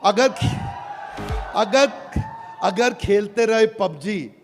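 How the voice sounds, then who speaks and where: Man, high voice, rousing stage pitch, rhetorical questions, long hall reverb. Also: lively intonation, drawn-out words, raised voice, faint music behind. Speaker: presenter on stage. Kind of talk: motivational product pitch.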